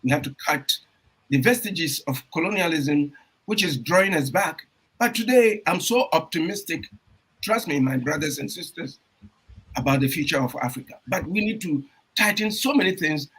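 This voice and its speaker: Enthusiastic husky male radio host. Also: on the high side. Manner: emphatic, repetitive, with bursts of loud enthusiasm. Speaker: radio talk show host. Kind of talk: energetic radio show intro and interview. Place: Toronto.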